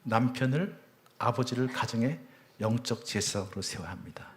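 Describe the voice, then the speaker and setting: A man's voice: normal speed, slight background noise. Earnest middle-aged man giving testimony. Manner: earnest storytelling, voice swelling high on emotional peaks; drops to a hushed near-whisper at tender moments. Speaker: church elder giving testimony. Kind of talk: personal testimony talk.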